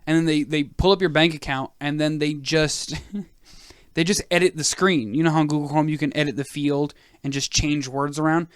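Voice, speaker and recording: A man's voice: on the high side, fairly even intonation, normal speed, smooth, dry recording. A young man co-hosting a casual podcast, telling long stories with lots of fillers into a podcast mic. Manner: rambling storyteller with many fillers. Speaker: podcast co-host. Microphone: podcast microphone.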